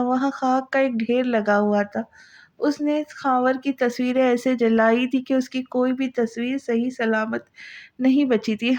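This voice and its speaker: A woman's voice: on the high side, a little mellow, lo-fi sound. A woman narrating an Urdu novel as an audiobook in an emotional, dramatic way. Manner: emotional, voices the characters' cries.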